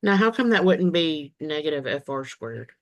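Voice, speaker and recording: A man's voice: on the high side, very animated, moderate pace, no echo, lo-fi sound. A man speaking as a student, casually answering and asking questions in an online math class. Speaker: algebra student.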